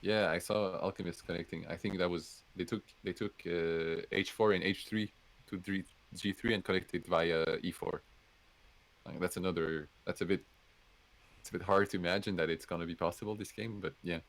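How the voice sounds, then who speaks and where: A man's voice: low-pitched, fairly even intonation, moderate pace, gravelly, rough recording. A man discussing board game strategy on a live stream in an analytical, easygoing way.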